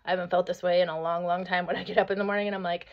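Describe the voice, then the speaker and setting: Racing along in a voice on the low side, this thirty- or forty-something motivational podcast host sounds hoarse from a cold. Her solo talk is chatty and energetic, full of "like" and repeated "right?", captured in slightly dull lo-fi sound.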